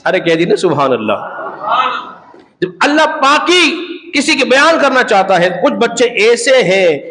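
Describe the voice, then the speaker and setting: A man's voice: very high-pitched, sing-song, bright, forceful tone, in a large hall. A man preaching a sermon, telling a story and asking the audience rhetorical questions. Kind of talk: sermon on hadith.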